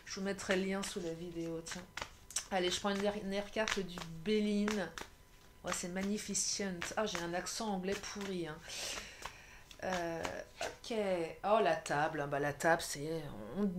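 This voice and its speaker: A woman from France giving a casual tarot reading in a vlog, effusive and halting, full of restarts, speaking to her viewers as dear friends. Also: medium pitch, noisy background. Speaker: tarot card reader.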